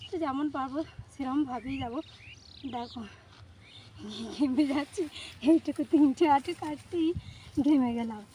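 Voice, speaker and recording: A woman's voice: high-pitched, moderate pace, pauses often, mellow, slight background noise. A young woman talks straight to her viewers in a casual, chatty way while she cuts rice. She is recorded outdoors in an open field on a phone camera, and faint rural sounds and birds come through behind her. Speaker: vlogger. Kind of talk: casual vlog narration. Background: faint rural outdoor ambience, birds.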